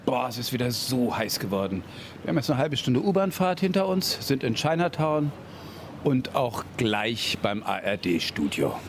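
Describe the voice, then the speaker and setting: Guy doing a casual on-the-go radio report, relaxed and chatty, a little hiss behind. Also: mid-range voice, normal speed. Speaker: radio correspondent and podcast host. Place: outdoors and in an office, field recording.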